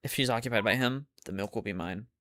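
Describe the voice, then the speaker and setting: A woman voicing a smug, scheming cat who talks slowly and quietly in a low, purring way. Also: dry recording, studio quality.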